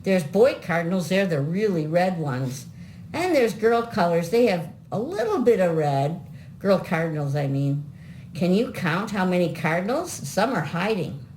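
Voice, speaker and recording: Older woman hosting kids show, lively pitch, noisy. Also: normal speed. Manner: addresses children with simple questions. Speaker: host of a children's show. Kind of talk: kids show host teaching colors. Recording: home recording with clear background noise.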